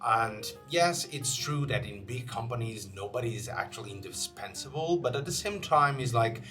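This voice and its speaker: Animated and forceful, a young man from Portugal speaks to camera as a channel host in English with a Portuguese accent. His medium-pitched voice is bright and moves at a moderate pace, with lots of fillers and restarts, while faint guitar plays behind.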